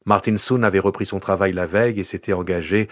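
A man narrating an audiobook in a measured, even reading. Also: deep voice, dry recording, clean studio sound. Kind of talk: scripted narration.

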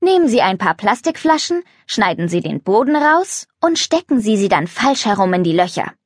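A woman's voice: mid-range voice, very animated, moderate pace, no room sound, studio quality. A woman voicing a friendly, upbeat teenage boy in a children's storybook reading. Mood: helpful. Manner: upbeat, encouraging.

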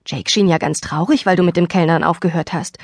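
A woman's voice: fairly low pitch, fairly even intonation, a little fast, no echo, clean studio sound. A woman playing a gossipy teenage girl. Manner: chatty and teasing. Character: gossipy, teasing teenage girl best friend. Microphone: dry studio microphone.

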